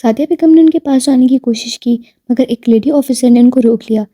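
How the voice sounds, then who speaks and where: A woman narrating a romance novel aloud in a steady, even reading voice. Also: high voice. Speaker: novel reader.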